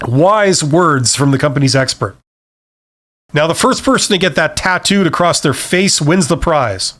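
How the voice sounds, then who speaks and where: A middle-aged man talks loosely through viewer questions on a live stream, mixing jokes with practical advice. He reads each question aloud and slips into quick bits of quoted speech. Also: fairly high pitch, animated, a bit bright. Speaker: host answering viewer questions.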